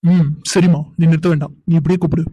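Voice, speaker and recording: A man voices a young cartoon man who speaks quickly in a flat, even tone. He pleads and apologizes to his partner. The sound is dry and close to the mic. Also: fairly high pitch, breathy edge, no room sound, muffled recording. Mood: defensive. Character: young man Karthik, remorseful fiancé. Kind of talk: cartoon dubbing.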